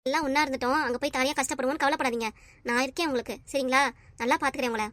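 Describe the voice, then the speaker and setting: A stubborn old cartoon grandmother, voiced by a woman, who scolds her family in a high, rapid-fire voice. Her lines come fast and sharp. The sound is dry and close, like a studio booth. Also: steady tone, no room sound. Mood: resolute. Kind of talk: cartoon family comedy voice acting.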